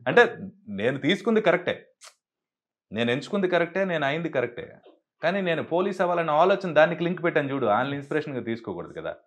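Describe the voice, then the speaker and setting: A man's voice: on the high side, quick pace. A man who works as a dubbing artist, telling stories in a casual interview and acting out the voices of people he quotes. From Andhra Pradesh, India. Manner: animated, acts out quoted dialogue.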